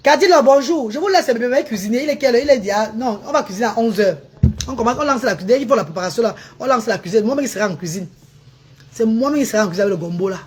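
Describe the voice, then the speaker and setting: A woman's voice: medium pitch, a little mellow, slight background noise. A woman, ranting at commenters in a live stream, mocking and insulting them between updates about her charity restaurant. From Cameroon. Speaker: livestreamer running a charity restaurant. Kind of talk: live-stream rant and chat.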